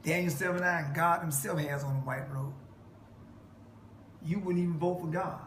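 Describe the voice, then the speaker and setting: High-voiced man preaching in an echoey room. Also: fairly even intonation, normal speed, fairly bright tone. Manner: emphatic, quotes scripture, laughs mockingly. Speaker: self-styled preacher. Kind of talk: preaching monologue to a listener. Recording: echoey room with faint noise.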